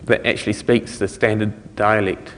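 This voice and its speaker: A man's voice: fairly low pitch, flat delivery, moderate pace, a bit bright, in a large hall, a little hiss or hum. A man giving a conversational conference talk, explaining things step by step. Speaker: conference speaker.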